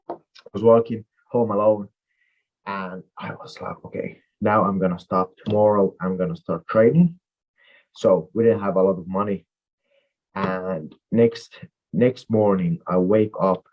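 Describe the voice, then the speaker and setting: A man's voice: sits low, muffled recording. A man in his twenties, raised in Finland and a native Finnish speaker, giving rambling, filler-heavy answers as a fighter in an interview. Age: 20s. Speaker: MMA fighter guest.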